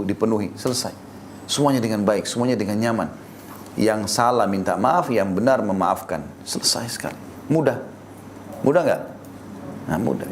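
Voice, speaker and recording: A man preaching a sermon in a lively, animated way, speaking directly to his listeners as friends and leaping up in pitch to stress a point. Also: a little hiss or hum. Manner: lively, animated delivery with sudden rises in pitch for emphasis.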